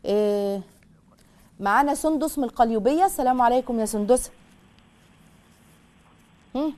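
A woman's voice: on the high side, normal speed, a little mellow. A woman with an Egyptian Arabic accent hosting a call-in show, giving earnest, step-by-step advice straight to the listener. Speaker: call-in show host and counselor.

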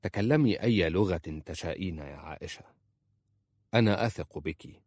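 A calm young husband speaks in a low, teasing tone, as a male narrator reads his part. The storybook reading is dry and close to the mic. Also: normal speed, no echo.

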